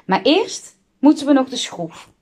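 A woman voicing a calm, self-assured little boy captain in a children's story. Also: high-pitched, unhurried, pitched above the performer's own voice.

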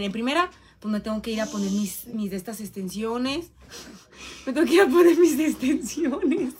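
A woman's voice: on the high side, slight background noise. A woman with a Mexican accent chatting casually on a live stream from home, joking, swearing and reading out viewer comments. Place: at home, indoors.

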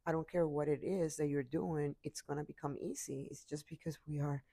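Tired low-voiced woman giving a pep talk. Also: steady tone, a little fast, vocal fry, dark tone. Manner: earnest, repetitive, pep-talk delivery. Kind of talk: motivational talk to camera. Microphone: computer mic.

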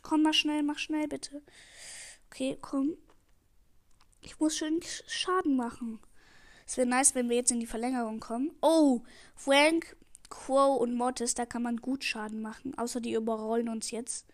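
A teenage girl giving excitable live commentary on her own match, pleading and calling out every move into a headset mic. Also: a little high, normal speed. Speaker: gamer streaming her match.

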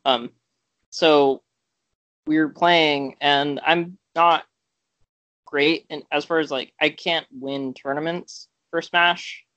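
A man's voice: a little high, steady tone, takes it slowly, fairly bright tone, dry recording, lo-fi sound. A young man co-hosting a podcast, telling a story in casual chat, rambling with lots of fillers and restarts. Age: young adult. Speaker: podcast co-host.

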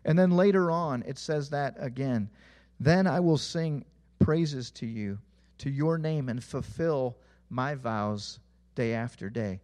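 In a slow, slightly mellow voice, a young adult man preaches as a pastor. He is earnest, puts questions to those listening, and lets his voice fall low as each phrase ends.

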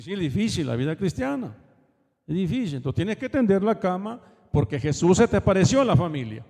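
A man's voice: fairly high pitch, a little mellow, long reverb tail. A man preaching a sermon in a casual, conversational way, often checking in with his congregation. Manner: colloquial, asks the congregation "¿verdad?" often. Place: church hall.

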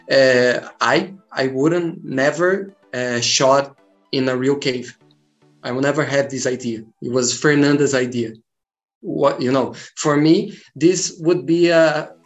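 Slow-talking man, halting English. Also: mid-range voice. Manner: halting, non-native grammar. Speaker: guest filmmaker. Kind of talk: casual interview answers. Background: music.

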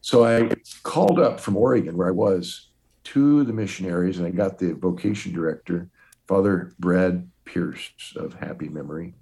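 Deep-voiced older priest telling stories. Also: male voice, normal speed, creaky, dark tone. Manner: folksy storyteller, chuckling, with many restarts. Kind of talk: telling his life story in an interview.

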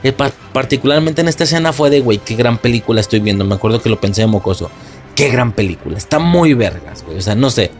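A young adult man with a Mexican accent hosts a podcast and recaps a film in a casual, excitable monologue full of slang and swearing. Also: medium pitch, quick pace, soft background music. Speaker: podcast host.

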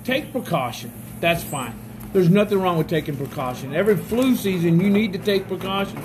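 A man's voice: sits high, lively intonation, brisk, background noise. A man co-hosting a podcast in casual banter, joking and laughing often. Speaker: podcast co-host. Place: room with other people.

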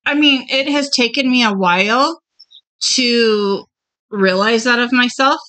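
A woman's voice: on the high side, measured pace, bright, forceful tone. A middle-aged woman co-hosting a podcast, speaking reflectively and candidly about herself. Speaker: podcast co-host. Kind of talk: casual chat.

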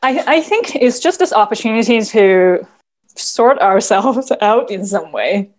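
As a podcast guest, a Cantonese-native woman talks reflectively and softly, with frequent "like" fillers and quiet laughter. Her medium-pitched voice is animated but a little slow.

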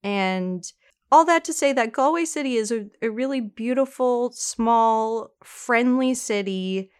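A woman co-hosting a casual true-crime podcast, chatty, telling the story with quick asides. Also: fairly high pitch, clean tone. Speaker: podcast co-host.

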